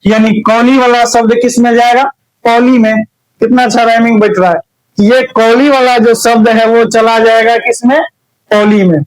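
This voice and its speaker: Bihari male teacher, very high voice, patient step-by-step explainer, keeps checking in with his students. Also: level tone, moderate pace, poor audio. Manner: explains step by step, often checks "any problem?". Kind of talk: recorded grammar lesson.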